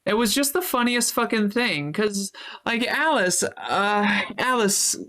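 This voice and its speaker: A Twitch streamer with a mid-range, expressive, slightly bright voice chats slowly and casually with her viewers. She reads their chat messages, thanks them, and swears freely.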